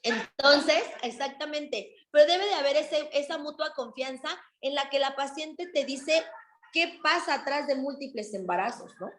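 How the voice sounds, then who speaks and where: A woman's voice: sits high, moderate pace, fairly bright tone, roomy sound. A woman teaching a nursing class, talking conversationally and often adding tag questions. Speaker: nursing instructor. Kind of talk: classroom lecture with anecdotes.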